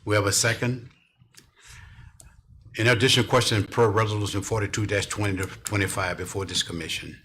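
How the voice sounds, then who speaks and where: A man's voice: fairly low pitch, steady tone, fairly quick, pauses often, bright, forceful tone, a little hiss or hum. A man chairing a city commission meeting as mayor, emotional and tearful, often repeating his words. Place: council chamber.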